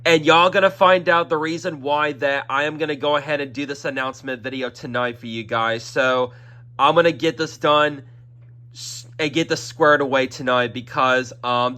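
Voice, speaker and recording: A man's voice: mid-range voice, steady tone, normal speed, sharp tone. A young man hosting his own YouTube channel, giving a rambling announcement with a congested throat, looping back on himself with "that is" and "y'all". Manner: repetitive, circles back with fillers like "that is" and "y'all". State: congested throat, occasional coughing. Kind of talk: rambling casual vlog announcement.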